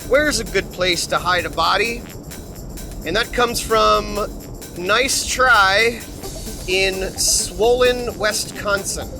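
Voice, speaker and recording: A sarcastic, grumbling sidekick in a comedy road show , played by a man. His pitch is high for a man and he tosses out wisecracks with music running behind him. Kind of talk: comedic banter.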